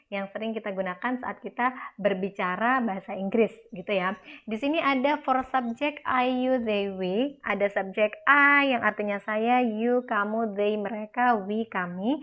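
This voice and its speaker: A woman's voice: medium pitch, measured pace. A young woman teaching an English class, explaining slides in a chatty way with frequent tag fillers. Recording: dull lo-fi recording.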